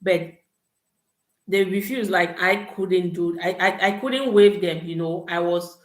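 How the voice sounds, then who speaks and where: A woman's voice: on the low side, a little slow. A young woman from Cameroon, hosting a live Q&A and giving advice with frequent "okay" and "all right" checks. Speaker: host answering study-abroad questions. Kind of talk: live Q&A chat. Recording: roomy echo.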